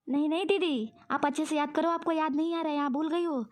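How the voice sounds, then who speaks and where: A woman's voice: sits high, steady tone, fast, close to an everyday voice. A woman voicing a sly, sweet-talking friend. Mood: teasing. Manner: coaxing, sweetly persuasive. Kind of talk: cartoon voice acting.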